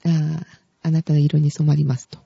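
A woman's voice: low voice, monotone, a little fast, gravelly, dark tone, breathy edge, dry recording. A woman hosting a casual podcast chat, chatty and giggling often. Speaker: podcast host. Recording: dull, dry lo-fi recording.

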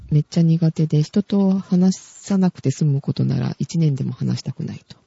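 A woman's voice: low-pitched, normal speed, vocal fry, dark tone, husky, no echo. A woman hosting a casual podcast chat, chatty and giggling often. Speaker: podcast host. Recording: dull, dry lo-fi recording.

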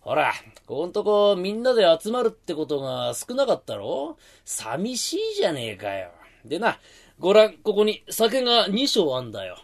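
A rough-tongued Edo tenement ringleader herds his pals along, as a man acts him out. His gruff delivery swings animatedly up and down. He is bossy and quick to scold in a rakugo storytelling style. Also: high voice, wildly swooping pitch, exaggerated voice. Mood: coaxing.

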